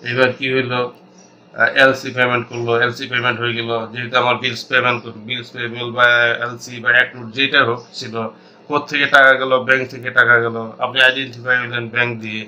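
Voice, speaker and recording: Speaking with a Bangladeshi accent, this man teaches accounting in a casual tutorial, working through ideas out loud in a halting way and slipping in English terms. His voice sits at medium pitch with little pitch movement, sounding pushed and bright.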